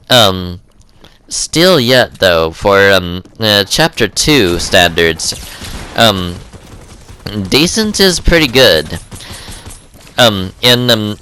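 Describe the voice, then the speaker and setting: A young man rambles through casual gameplay commentary, hesitating constantly with ums and uhs. His voice sits low but sounds bright and crisp. It is recorded dry, with no room sound. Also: dry recording.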